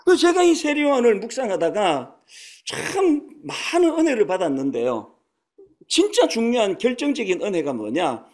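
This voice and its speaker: A man in his sixties delivers a sermon from a church sanctuary, telling stories conversationally and performing the quoted lines. He speaks at a moderate pace in an extremely high, darkish voice that swings widely in pitch.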